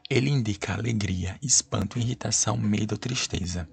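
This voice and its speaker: Gravelly, low-voiced Brazilian male teacher. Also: fairly quick. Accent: Brazilian Portuguese. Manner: repetitive, checks students understand. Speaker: Portuguese teacher. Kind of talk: online class explanation.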